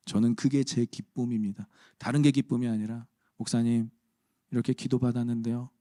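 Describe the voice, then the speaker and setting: A man's voice: mid-range voice, dark tone, no room sound, clean studio sound. A man preaching a sermon as pastor, conversational and humorous with emphatic turns. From Chungcheong region, Korea.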